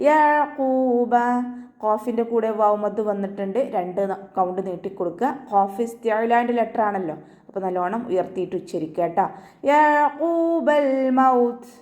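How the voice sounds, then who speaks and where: A woman teaching Quran recitation in an online class, explaining each sound step by step with gentle reminders. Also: medium pitch. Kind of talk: online tajweed lesson.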